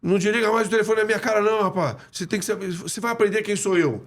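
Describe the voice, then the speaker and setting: A man's voice: sits high, racing, fairly bright tone, voice pushed up. A man from Rio de putting on the brash, self-important voice of an older male club president on the phone. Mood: bossy.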